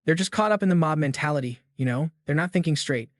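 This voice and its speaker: Man doing a soothing young woman, gentle, quick, dry sound. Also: fairly high pitch, animated, no room sound, close to an everyday voice.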